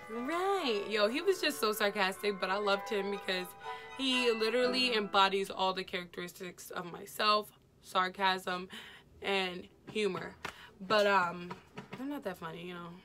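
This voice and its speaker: A woman's voice: mid-range voice, normal speed, music in the background. A young adult woman telling a personal story in a casual, slangy way and addressing viewers as y'all. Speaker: vlogger.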